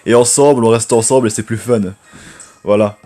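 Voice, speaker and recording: A man's voice: fairly even intonation, brisk, mellow. Chatty man, rambling gameplay commentary. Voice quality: low voice. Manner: rambling, chatty, addresses viewers as friends. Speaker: gaming YouTuber.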